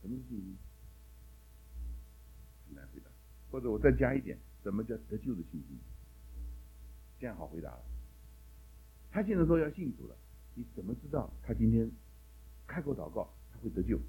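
A man's voice: mid-range voice, big pitch swings, brisk, pauses often, warm tone, slightly rough, poor audio. A man teaching a Bible class in a sermon style, asking the class one question after another and mixing English words into his talk.

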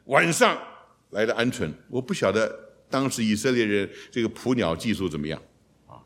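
A man giving an expository Bible teaching in a lively way, putting rhetorical questions to his listeners and dropping in English phrases. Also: lowish voice, moderate pace.

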